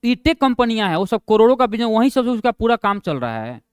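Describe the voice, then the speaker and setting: High-voiced chatty male teacher. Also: sing-song, fast talker, clean tone, no echo. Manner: chatty, laughs at his own stories, drops to a low mumble for quoted asides. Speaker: online exam-prep teacher. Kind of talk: casual classroom storytelling.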